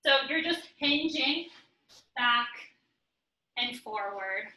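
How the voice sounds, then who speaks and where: A young adult woman leading a guided workout class, giving steady counting cues while she exercises. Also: fairly high pitch, slow, slight background noise. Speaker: fitness instructor. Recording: roomy sound, distant from the mic.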